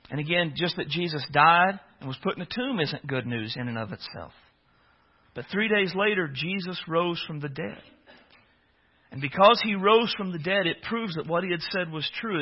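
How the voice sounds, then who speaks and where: A man preaches with earnest, emphatic stresses, stopping now and then to restart a phrase. His voice sits somewhat high for a man. The audio is dull and lo-fi. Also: slightly rough. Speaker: pastor. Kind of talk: sermon.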